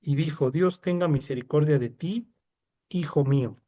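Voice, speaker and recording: A man's fairly high, mellow voice comes through a muffled recording at normal speed. Leading a Bible study in a Mexican accent, he reads passages aloud and explains them in a chatty way, frequently asking "¿no?".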